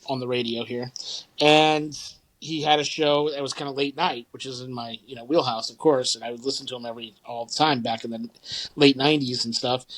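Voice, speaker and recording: A man's voice: mid-range voice, fairly bright tone, low-quality recording. A man, co-hosting a podcast in casual, rambling chat full of fillers and restarts. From St. Louis area, Midwest US. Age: 40s. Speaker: podcast co-host.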